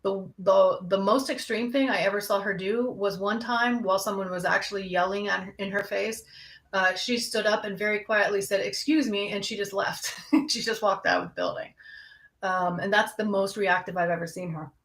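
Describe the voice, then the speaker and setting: A woman's voice: mid-range voice, steady tone, moderate pace, a bit bright. Candid woman counselor talking casually. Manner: candid, conversational, speaks to a live audience. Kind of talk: casual talk on anxiety.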